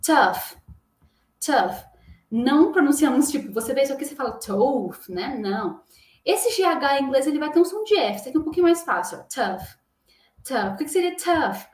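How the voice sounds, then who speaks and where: A young Brazilian woman with a Brazilian Portuguese accent, teaching an English pronunciation lesson in a lively, encouraging way and talking straight to the viewer. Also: high voice, fast. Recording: echoey room.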